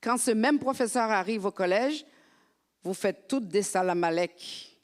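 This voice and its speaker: Woman pastor, from France, lively conversational sermon, mid-pitched voice, long hall reverb. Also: a little slow. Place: church sanctuary.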